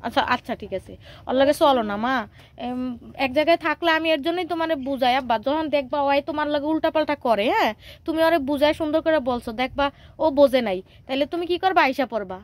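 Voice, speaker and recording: A young woman talks to her son in a high voice. She explains things patiently and at length, with a coaxing tone. Her speech is quick and runs on in casual home chat. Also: no echo.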